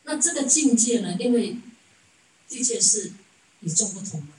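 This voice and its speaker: A woman's voice: medium pitch, lively intonation, moderate pace, dark tone. A woman giving a Buddhist sermon as a story, chuckling often and asking rhetorical questions. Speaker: Buddhist dharma teacher. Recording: echoey room, distant mic.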